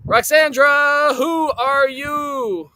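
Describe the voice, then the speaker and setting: A man hosting a podcast, reading sponsor shout-outs in an upbeat, emphatic way. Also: extremely high pitch, very slow, heavy background noise. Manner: upbeat, emphatic announcer delivery. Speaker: podcast host.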